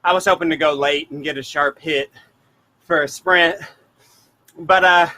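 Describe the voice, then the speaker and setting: Bright-voiced man recapping his race. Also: on the high side, steady tone. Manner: halting, with restarts. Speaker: rider, interviewed after the race. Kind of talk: post-race interview.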